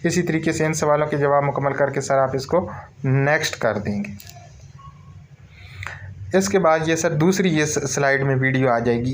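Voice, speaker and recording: A man's voice: on the high side, a little hiss or hum. A man with a Pakistani Urdu accent giving a screen-recorded tutorial walkthrough, repetitive and calling his listeners sir. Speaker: online course tutor.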